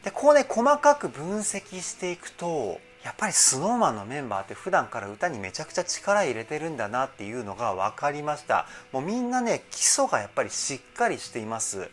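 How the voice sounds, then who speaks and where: A vocal trainer casually and enthusiastically analyzes the singing in a music video, breaking in with excited remarks as he explains. His voice is fairly high, and he talks briskly with hardly any pauses.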